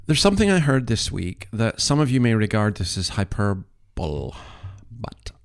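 A man's voice: lowish voice, very animated, moderate pace. A man hosting an opinionated commentary, speaking in an earnest, emphatic, moralising way with rhetorical questions. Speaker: commentary podcast host.

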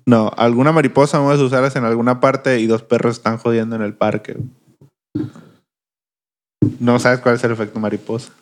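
A man's voice: mid-range voice, flat delivery, moderate pace, pauses often. A man with a Mexican accent teasing his friends in casual, slangy podcast banter. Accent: Mexican Spanish. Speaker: podcast co-host. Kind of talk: casual chat.

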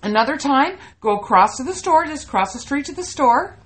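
A middle-aged woman from Canada tells stories in casual podcast chat, her fairly high voice rising and falling widely. She talks with animated energy, laughing through the funny parts. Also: a little fast. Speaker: podcast co-host.

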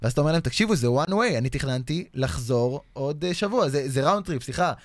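A man's voice: medium pitch, dry recording. A man co-hosting a podcast, telling a story in casual chat and acting out the other people in it. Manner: animated, acts out shouting voices in his story. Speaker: podcast co-host.

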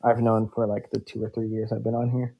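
A man's voice: fairly low pitch, monotone, brisk, creaky, lo-fi sound. A man chatting casually with a stranger, rambling and filling his talk with "like" and restarts. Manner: rambling, filler-heavy, uses "like" a lot. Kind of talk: casual chat.

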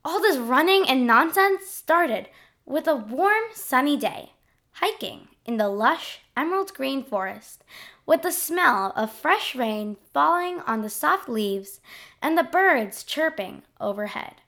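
A woman reads a first-person adventure story aloud, expressive and diary-like. Her voice is high and bright, and she takes her time over each phrase. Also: slow.

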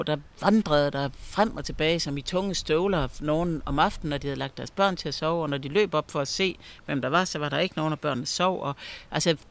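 Lively male storyteller, slightly high voice. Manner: lively storyteller, repeats words when he restarts. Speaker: author and guest. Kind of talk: storytelling in a conversation.

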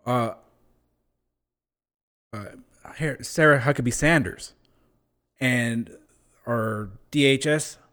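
A man's voice: mid-range voice, slow, pauses often, a bit bright. Man making his case with examples. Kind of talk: casual discussion.

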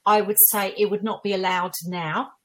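A woman's voice: medium pitch, flat delivery, moderate pace. A middle-aged woman with an Essex accent, answering conversationally as a podcast guest in a candid, emphatic way. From Essex, England. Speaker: podcast guest, tutor and former equities trader.

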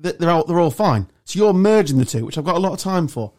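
A man's voice: a little high, animated, fast talker, a little mellow. An English man bantering in a casual chat, joking, swearing and defending himself against teasing. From England.

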